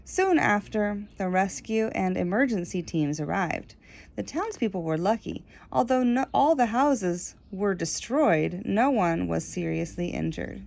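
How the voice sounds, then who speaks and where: A gravelly, darkish, medium-pitched female voice reads a children's book at a measured pace. The delivery is expressive, lengthening key words for emphasis, with casual asides mixed in.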